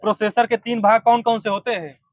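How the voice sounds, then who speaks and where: A man teaching a class, firing quiz questions at students and briskly confirming or correcting their answers. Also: high-pitched, little pitch movement, lo-fi sound.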